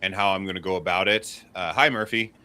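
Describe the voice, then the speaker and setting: A man in his late thirties, a guest in a casual livestream chat over a video call, animated and laughing often. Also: sits low, fast talker. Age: 30s.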